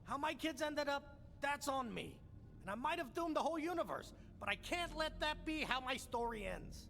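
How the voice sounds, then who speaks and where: An actor playing a grizzled older explorer and remorseful father in a video game, with a gravelly folksy drawl. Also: extremely high pitch, expressive, moderate pace, long reverb tail, noisy background, heavily acted. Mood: regretful.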